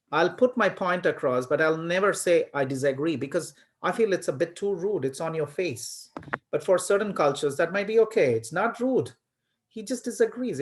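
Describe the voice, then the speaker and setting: A man from India, a college lecturer giving an online class on a video call, talking with emphasis and many fillers and repeated words. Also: fairly high pitch. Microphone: webcam on video call.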